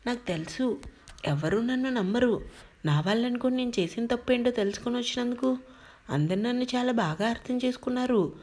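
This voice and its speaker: A woman's voice: fairly high pitch, animated, brisk, darkish tone. A woman voicing an emotional young man who pleads to be understood. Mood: hurt.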